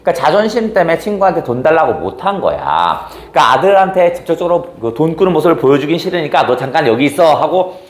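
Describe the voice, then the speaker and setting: Lively-voiced man teaching a literature lesson. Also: a little high, fast, hardly any pauses, reverberant. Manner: casual explaining, asks and answers his own questions; reads dialogue aloud in character. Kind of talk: exam-prep lecture on a novel.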